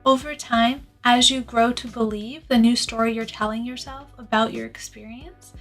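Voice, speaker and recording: A woman's voice: fairly high pitch, steady tone, normal speed, fairly bright tone, faint music behind. A woman giving scripted personal development advice to viewers in an earnest, articulate productivity YouTuber style, stressing key words. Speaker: self-improvement YouTuber.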